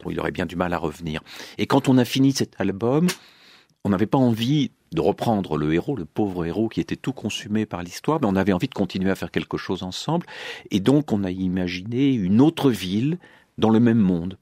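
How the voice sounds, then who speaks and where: A man, a comics writer answering in an interview, telling the story of his work calmly and fluently. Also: deep voice, brisk, dry recording, clean studio sound.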